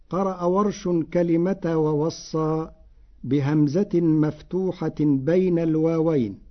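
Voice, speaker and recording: A man with a fairly high voice gives a formal, measured lesson on recitation, stretching out each quoted word in a slow chant. The sound is dull and lo-fi, like an old radio broadcast. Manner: measured and formal, intoning quoted words slowly. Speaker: Quran recitation scholar.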